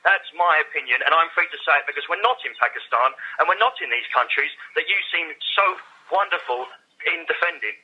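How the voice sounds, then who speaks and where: Guy calling a radio show, husky voice, muffled phone line, argues over the host. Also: fairly high pitch, fairly quick. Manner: combative, talks over the host. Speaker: caller.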